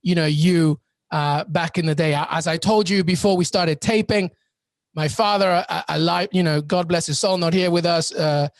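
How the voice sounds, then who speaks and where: A man hosting an interview podcast, talking conversationally and effusively, with halting, repeated starts. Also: fairly high pitch, fairly even intonation, no echo. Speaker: podcast host.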